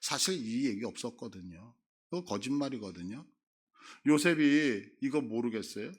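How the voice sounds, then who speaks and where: A man's voice: medium pitch, animated, normal speed, husky. A middle-aged man preaching a sermon, acting out Bible figures' words with sudden rises in his voice. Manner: acts out Bible figures' words with a big rise in voice. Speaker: pastor.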